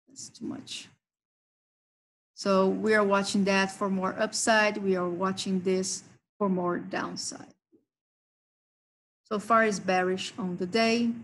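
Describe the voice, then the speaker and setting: A woman's voice: mid-range voice, creaky, a little hiss or hum, rough recording. A woman hosting a live trading session, walking members through chart levels and price zones. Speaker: trading stream host.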